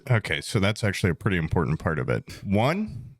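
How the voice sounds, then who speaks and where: Lively low-voiced young man telling stories. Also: brisk, dry recording, clean studio sound. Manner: joking, animated storytelling. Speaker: podcast co-host. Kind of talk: casual chat.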